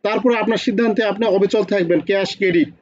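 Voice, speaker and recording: A man's voice: high voice, racing, a little mellow, highs cut off. A man with a Bangladeshi Bengali accent teaching an online accounting class, often asking students questions and repeating key points.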